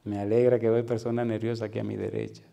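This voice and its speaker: A man's voice: on the low side, flat delivery, fast talker, gravelly, lo-fi sound. A man preaching a sermon in a church, telling stories with acted-out voices and then pleading with the congregation to come forward. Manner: dramatic storyteller, acts out voices and swings from loud to hushed; pleading altar call. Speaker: pastor.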